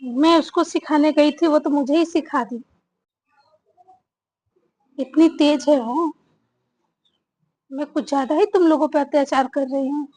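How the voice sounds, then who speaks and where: A woman's voice: high-pitched, fairly even intonation, measured pace, pauses often, a little mellow. A woman acting a stern mother-in-law who scolds her daughters-in-law in a family drama. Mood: apologetic. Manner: commanding, scolding.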